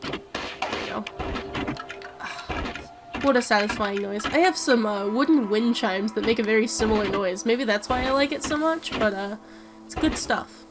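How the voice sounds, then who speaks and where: A woman's voice: a little high, normal speed, pauses often, background noise. A woman giving casual commentary as she plays a video game, chatty, amused and musing aloud. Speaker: let's-play host.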